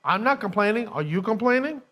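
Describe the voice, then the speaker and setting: Man, co-host, casual live-stream chat, high-pitched voice, loud, playful, whooping. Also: animated, a little fast. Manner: loud, playful, prone to whoops and silly jokes.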